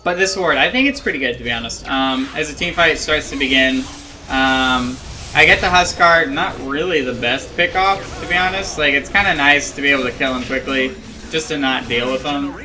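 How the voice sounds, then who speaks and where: A man's voice: medium pitch, normal speed, over music. A young man giving casual, self-critical commentary over his own match footage, rambling with lots of ums and likes, drowsy and yawning. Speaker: gameplay analyst.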